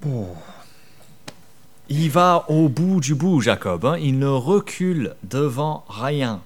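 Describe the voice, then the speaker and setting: A man's voice: medium pitch, very animated, slow. A man preaching a sermon conversationally, asking his listeners questions and acting out his own worries. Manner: conversational, rhetorical questions, acts out worries in whispers. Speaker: pastor.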